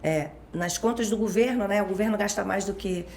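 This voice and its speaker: Speaking a little fast with a medium pitch, vocal fry and a darkish tone, this Brazilian woman from Minas Gerais has a Rio de Janeiro accent. As a guest expert, she chats casually, leaning on everyday examples and constant tag questions. The room is echoey, with slight background noise.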